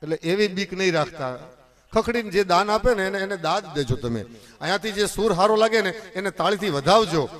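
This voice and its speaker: A man's voice: sits high, animated, a little fast, fairly bright tone. A man with a Kathiawadi Gujarati accent telling folk stories on a live stage, chatty and teasing as he speaks straight to the crowd. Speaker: folk storyteller and stage announcer. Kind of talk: live folk storytelling to an audience.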